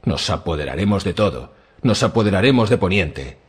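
A man's voice: low voice, big pitch swings, brisk, slightly rough, full character voice. A man voicing a scheming, ambitious male pirate lord in an audiobook reading, with a boastful, grandiose manner.

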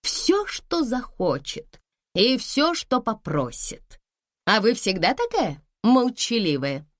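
Brief: haughty, mocking wife, read by a woman; scornful, pressing, unhurried, very dry close sound. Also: on the high side, huge pitch swings, no echo, full character voice. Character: confident mocking wife, middle-aged woman.

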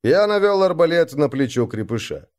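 A man narrating a dark first-person adventure story, slowing down and raising his voice for the shouted lines of other characters. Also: on the high side, big pitch swings.

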